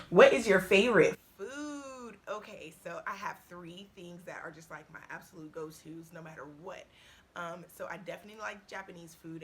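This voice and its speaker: A woman in her thirties chatting casually to the camera in a get-to-know-me video, animated and playful, laughing often. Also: lowish voice, slight background noise. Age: 30s. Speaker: vlogger.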